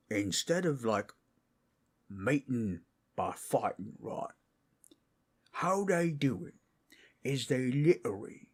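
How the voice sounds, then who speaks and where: Casting: male actor as friendly, bragging ork warrior turned masseur, raspy and unhurried, rustic rambling talk, ASMR role-play. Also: mid-range voice, full character voice. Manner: folksy, rambling, boastful fantasy-brute talk with rustic grammar.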